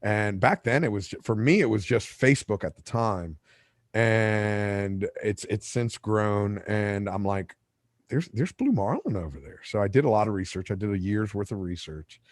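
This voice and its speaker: A podcast host whose first language is Spanish tells a long story at normal speed in a lowish voice, recorded dry. He rambles casually, correcting himself, restarting, and wandering into asides.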